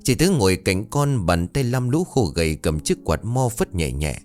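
Lively low-voiced male ghost story narrator. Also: normal speed, soft background music. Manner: dramatic, expressive storytelling.

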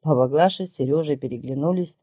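A woman narrating an audiobook in a steady, measured reading. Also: low-pitched, slightly rough, no echo, studio quality.

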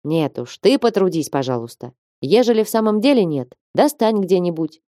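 A woman's voice: on the low side, expressive, normal speed, warm tone, no echo, studio quality, lightly acted. A woman reading aloud as a wealthy, domineering male merchant who coaxes but will not yield. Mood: firm. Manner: coaxing yet unyielding, proverb-quoting.

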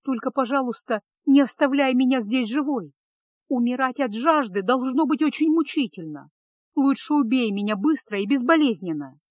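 A woman's voice: sits high, lively intonation, normal speed, dry recording, studio quality, pitched above the performer's own voice. A woman voicing a frightened young female witch apprentice in an audiobook, pleading and tearful.

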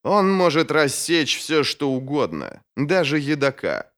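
A man's voice: a little high, very animated, unhurried, a bit bright, pitched above the performer's own voice, heavily acted. A man voicing a powerful old male archmage who speaks in an imperious, cutting way. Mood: commanding.

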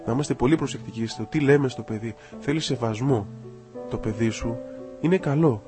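A man's voice: medium pitch, over music. A man who is a priest, giving a spoken sermon to parents in an earnest, pleading way, repeating key phrases for weight.

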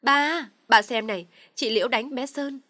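A woman voicing a young sister-in-law who shouts accusations in a high, loud voice in an audio story. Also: lively intonation, quick pace. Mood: shrill accusing.

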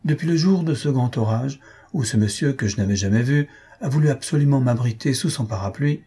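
A man reading aloud and voicing an earnest young woman who explains herself calmly. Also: medium pitch, a little fast, husky, voice pushed up. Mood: explaining. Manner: calm, explaining, a little amused.

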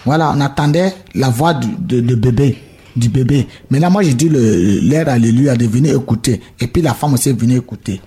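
Homme burkinabé au timbre voilé. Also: male voice, medium pitch, warm tone, slightly rough. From Burkina Faso. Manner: halting, repeats words and restarts, acts out dialogue. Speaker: guest giving a conversion testimony. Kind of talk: storytelling testimony in an interview. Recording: radio studio.

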